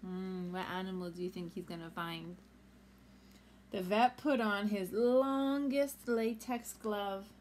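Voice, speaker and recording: A woman reading a picture book aloud to children, animated and asking them questions. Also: medium pitch, slow pace, a little hiss or hum. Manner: animated, asks young listeners questions. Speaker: storytime reader.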